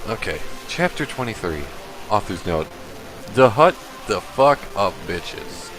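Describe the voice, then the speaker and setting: A man doing a comedic read-aloud of a badly written story, deadpan and halting as he stumbles over the text. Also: on the low side, music in the background. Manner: slow, halting, deadpan reading broken by laughter. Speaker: stream host reading a fan fiction aloud. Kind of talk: comedic dramatic reading.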